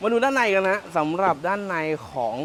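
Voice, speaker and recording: Chatty Thai car salesman, a bit high. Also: expressive, a little fast, fairly bright tone, a little hiss or hum. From Thailand. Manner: chatty and joking, repeats phrases. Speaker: car salesman presenting a pickup. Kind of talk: casual walkaround car presentation.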